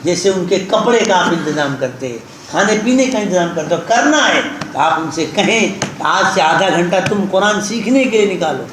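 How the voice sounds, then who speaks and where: A man with a high, lifted voice preaches a sermon, telling a tale and turning to speak straight to his listeners. His words ring through a very echoey hall, with steady background noise under them. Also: hardly any pauses. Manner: tells a story and addresses listeners directly. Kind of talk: sermon with storytelling.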